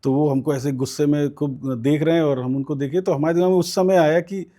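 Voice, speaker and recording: A man's voice: a little high, steady tone, a little fast, dark tone. A man, a guest in an interview, telling a long story in a conversational way, with frequent fillers and quoted voices. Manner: recounts events at length with many fillers and quoted voices. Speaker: student politician guest.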